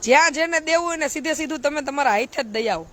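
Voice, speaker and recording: A woman's voice: high-pitched, fast, fairly bright tone. A woman, a charity social worker giving a blunt, preachy live-stream talk full of rhetorical questions.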